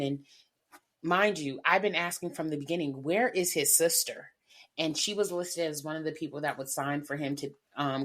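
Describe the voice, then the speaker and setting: Podcast co-host, woman, lowish voice, casual and animated with frequent laughs. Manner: animated, chatty, laughs often. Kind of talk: casual chat.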